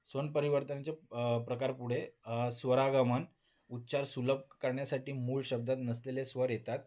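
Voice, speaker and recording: A man gives a recorded lecture in a voice of ordinary pitch. He reads out each point, repeats it, and often breaks off mid-word to start again. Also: level tone, normal speed, a little mellow. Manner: reads out points and repeats them with frequent restarts. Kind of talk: recorded Marathi linguistics lecture.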